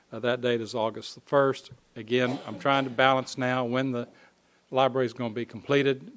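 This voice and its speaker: A man giving an informal spoken report at a city council meeting, pausing often on fillers and restarting phrases. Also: mid-range voice. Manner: halting, frequent uh fillers and restarts. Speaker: city staff presenting a construction update to council.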